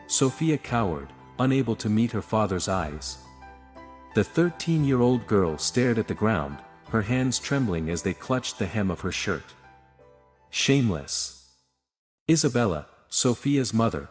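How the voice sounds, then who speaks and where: A man narrating a dramatic storybook tale in a steady, scripted reading. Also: lowish voice.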